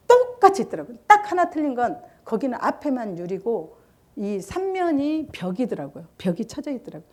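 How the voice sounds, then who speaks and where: A woman's voice: medium pitch, a little mellow. A middle-aged woman telling a personal faith story at a church service, storytelling and acting out the voices in it with feeling. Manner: storytelling, acts out quoted voices, emotional. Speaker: church member giving testimony. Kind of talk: testimony in a worship service.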